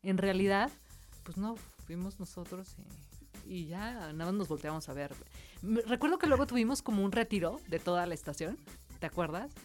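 Expressive Mexican woman telling a story. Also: mid-range voice, moderate pace, soft background music. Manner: animated storyteller acting out quotes. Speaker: radio host. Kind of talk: casual chat telling an anecdote.

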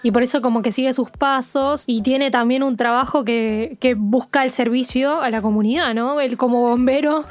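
A woman's voice: high voice, fairly even intonation, moderate pace, hardly any pauses, no room sound. A woman co-hosting a podcast, casually explaining a film and often tagging her points with a questioning "no?". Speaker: podcast co-host.

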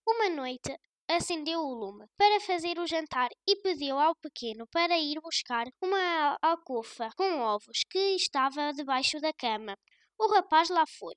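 A woman with a European Portuguese accent reading a children's story aloud in a gentle storybook manner. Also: extremely high pitch, no room sound, clean studio sound.

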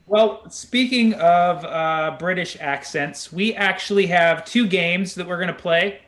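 An easygoing man with a fairly high voice hosts a casual chat over a video call. He laughs often and repeats himself in a loose, relaxed way. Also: a little slow. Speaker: show host. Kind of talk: hosting a casual interview.

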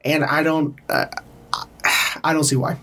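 A man's voice: a little high, flat delivery, measured pace, a bit bright, a little hiss or hum. Easygoing male podcast co-host. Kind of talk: casual film podcast chat.

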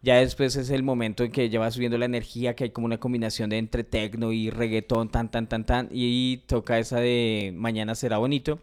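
A man's voice: mid-range voice, little pitch movement, brisk, few pauses, smooth. A young man telling a concert story in casual podcast chat, rambling and full of slang fillers. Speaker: podcast co-host.

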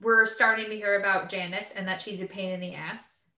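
Woman, late 20s, casual podcast co-host, chatty, bright voice, roomy echo. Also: medium pitch, fairly even intonation, fairly quick. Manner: chatty, laughing, lots of fillers. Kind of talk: casual chat.

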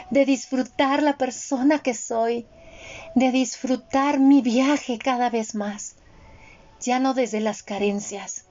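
Earnest woman in her forties, higher voice. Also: dark tone. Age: 40s. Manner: earnest, motivational, addresses listeners directly. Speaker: co-host. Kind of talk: reflective conversational talk. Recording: dull lo-fi sound.

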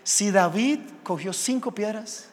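Animated pastor with a high voice in a big hall. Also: male voice, a little slow, a little hiss or hum. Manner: animated storytelling, acts out scenes with sound effects. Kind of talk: sermon. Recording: long hall reverb.

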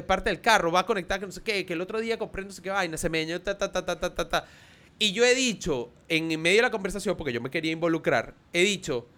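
Venezuelan man, 30s, podcast co-host; high, bright voice, animated storyteller. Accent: Venezuelan Spanish. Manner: animated storyteller, laughs often. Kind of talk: casual chat.

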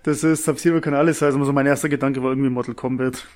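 Quick-talking man in casual conversation. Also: medium pitch, fairly even intonation, darkish tone. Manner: short interjections and questions, quick talker. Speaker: podcast co-host. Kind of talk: casual chat.

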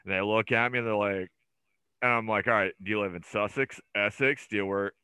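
A man's voice: on the low side, brisk, bright, forceful tone, clean tone, no echo. A man chatting as a podcast guest, rambling through stories with lots of fillers and restarts. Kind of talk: casual chat.

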